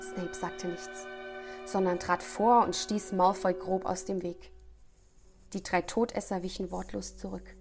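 A woman's voice: fairly low pitch, flat delivery, unhurried, gravelly. A woman reading a novel passage aloud in dramatic, tense scripted narration. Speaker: guest reader. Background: faint music.

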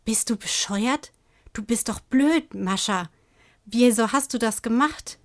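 A woman voicing a frantic young girl who shouts accusations and repeats herself insistently. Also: on the high side, slow pace. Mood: angry, frantic.

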